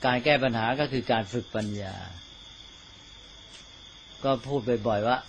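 A man, a Buddhist monk, giving an informal dharma teaching to fellow monks in a slow, deliberate way, often checking that his listeners follow. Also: mid-range voice, steady tone, lo-fi sound, a little hiss or hum.

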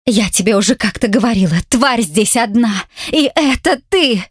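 A woman reading an audiobook voices a frightened young woman with a high, tearful, strained voice. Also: moderate pace, no room sound, clean studio sound, natural voice. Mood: defiant. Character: frightened young woman pleading, then defiant.

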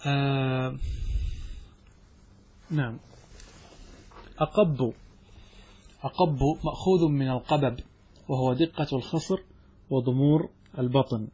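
A man teaching a classical Arabic grammar lesson, who explains by asking and answering his own questions and recites verses slowly. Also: medium pitch, dark tone, slightly rough.

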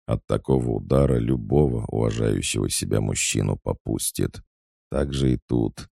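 Very deep gravelly male narrator. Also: moderate pace, dark tone, dry recording, studio quality. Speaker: audiobook narrator. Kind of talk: scripted narration.

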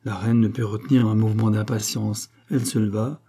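A male audiobook reader narrating a novel at an even, steady pace. His voice is dark and mellow, with a husky edge. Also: fairly low pitch, a little fast. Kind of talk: novel read aloud.

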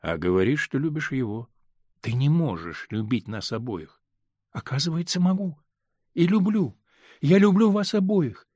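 A man voicing a torn, pleading wife, husky. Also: a little high, sing-song, moderate pace, no echo. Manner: soft and pleading. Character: torn, pleading married woman. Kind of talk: audiobook character reading.

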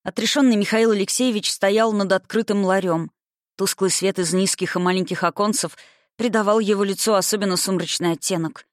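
Brief: calm audiobook narrator, mid pitch, dry close mic. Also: fairly quick, no room sound. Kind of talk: scripted narration.

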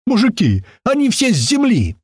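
A man voicing a loud, overjoyed young soldier around thirty who shouts with joy. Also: on the high side, wildly swooping pitch, fairly quick, breathy edge, dry recording, studio quality, pitched above the performer's own voice, exaggerated voice. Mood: excited shouting.

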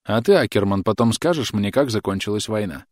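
Man voicing a loud cheery young soldier. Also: fairly low pitch, expressive, a little fast, no room sound, clean studio sound. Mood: jovial. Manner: boisterous, shouting across a field.

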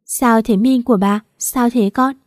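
Fussy old grandma cooing over a baby, higher voice, a woman puts her on. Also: fairly even intonation, unhurried, a little mellow, dry recording, studio quality, close to an everyday voice. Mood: fretful. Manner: fretful, cooing. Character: fussing older grandmother.

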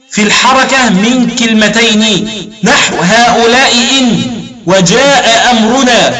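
Very high-voiced teacher lecturing. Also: male voice. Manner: keeps checking in with listeners, recites verses slowly. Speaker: Quran recitation teacher. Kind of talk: explanatory lecture.

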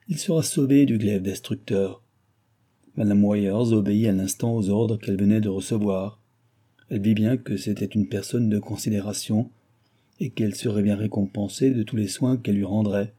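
A man reading a classic novel aloud in an even, measured narration. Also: fairly low pitch, husky. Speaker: audiobook narrator.

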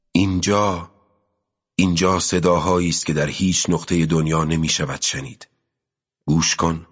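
A man reading a novel aloud as an audiobook narrator, in a slow, measured literary style with pauses. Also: deep voice, a bit bright, husky. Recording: dull lo-fi audio with long reverb.

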